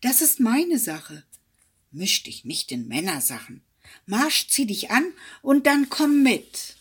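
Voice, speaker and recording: A woman voicing a bossy, cunning male hedgehog in a fairy tale, gruff and commanding. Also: on the high side, sing-song, takes it slowly, voice pushed up, exaggerated voice.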